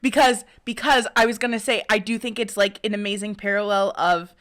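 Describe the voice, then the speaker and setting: A woman co-hosting a podcast in casual chat, excitable and playful. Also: mid-range voice, fairly quick. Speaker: podcast co-host.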